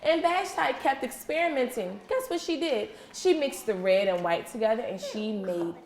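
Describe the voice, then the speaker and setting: A preschool teacher with a high-side, animated voice reads aloud interactively to young children at a moderate pace, patiently encouraging them with questions and repeating their answers. The indoor classroom sounds echoey, with faint background noise.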